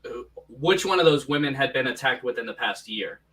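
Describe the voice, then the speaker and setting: A podcast co-host chats casually, rambling and restarting often, in a mid-range, expressive male voice that runs a little fast with a sharp edge. He sits far from a poorly set up home mic, which makes him sound tinny and metallic, like he's talking inside a tin can.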